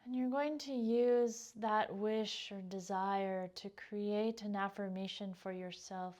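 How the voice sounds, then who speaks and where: Leading a guided meditation, the yoga teacher keeps her mid-range voice steady and takes things slowly. She's gentle and calm, and her phrases tail off softly.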